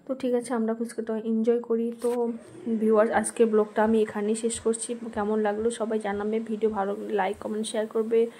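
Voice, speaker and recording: A young woman strolls outdoors with her phone, narrating her day to viewers. Her voice sits a little high but stays mellow and warm, with a flat, even melody. She rambles casually, dropping fillers as she goes. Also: fairly quick, a little hiss or hum. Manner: chatty and meandering, with many fillers. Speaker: vlogger, mother. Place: outdoors in a residential park.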